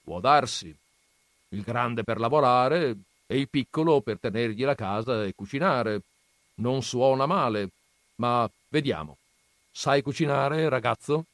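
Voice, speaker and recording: A domineering old grandfather bellows his judgments, voiced by a male reader. The voice is raised and forceful, declaiming each line for the whole family. The recording is dry and close, with no room sound. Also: mid-range voice, unhurried, no echo, pitched above the performer's own voice. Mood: gruff, commanding.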